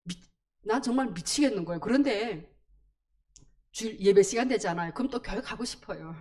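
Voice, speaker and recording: Woman giving a lively church testimony. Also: mid-range voice, fairly quick. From North Korea. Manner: animated storytelling with sound words.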